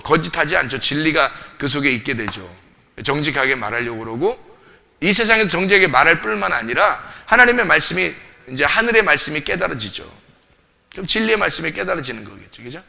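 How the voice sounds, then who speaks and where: A man's voice: high voice, vocal fry, sharp tone. A man preaching a sermon as pastor, emphatic, repeating short phrases and asking the congregation questions, recorded in a church. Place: church sanctuary.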